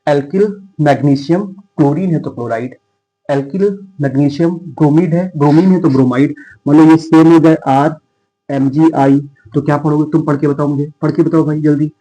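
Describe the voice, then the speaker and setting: Chatty male teacher, fairly high. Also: normal speed, warm tone, poor audio. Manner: chatty, addresses students as bhai, writes while talking. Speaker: chemistry teacher. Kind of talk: casual classroom lecture.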